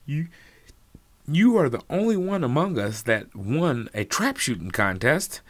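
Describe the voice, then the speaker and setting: A man's voice: mid-range voice, very animated, measured pace, no echo, voice pushed up. A man voicing a defensive adult man who argues insistently and lays out his reasoning. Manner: insistent, building an argument. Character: defensive adult male host, reasoning urgently.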